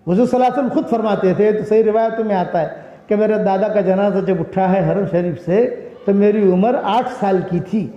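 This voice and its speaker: A man from India delivering a sermon as a preacher, telling stories with emphatic, repeated phrases. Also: sits high. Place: large hall at a women's religious school. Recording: echoey lo-fi hall recording.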